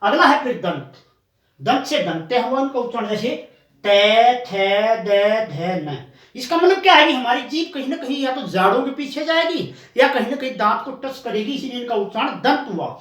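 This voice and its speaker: A man's voice: very high-pitched, lively intonation, a little fast, fairly bright tone, reverberant, recorded from a distance. A male coaching teacher giving a classroom lesson, patiently explaining step by step and sounding out items one by one.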